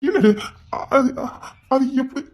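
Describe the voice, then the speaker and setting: A performer voicing a devoted young husband who swears loyalty to his crying wife and scolds others loudly, in a Tamil romance audio drama. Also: sits high, animated, slow pace. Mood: pleading, scolding.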